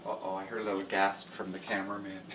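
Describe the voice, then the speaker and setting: A man's voice: sits low, distant mic. A man talks casually while he cooks, rambling and joking at his own expense. He is recorded in a home kitchen on a camera mic across the room. The sound echoes, and noise runs steadily behind his voice. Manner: rambling, self-deprecating, laughs often. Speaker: home cooking vlogger. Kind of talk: casual chatty cooking vlog.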